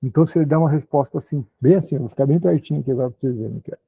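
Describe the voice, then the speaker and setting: A man with a Brazilian Portuguese accent teaching an online class, chatty and animated, acting out dialogues as examples. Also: rapid-fire, gravelly, breathy edge, no echo. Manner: chatty, animated, acts out dialogues with high put-on voices. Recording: tinny phone-like call audio.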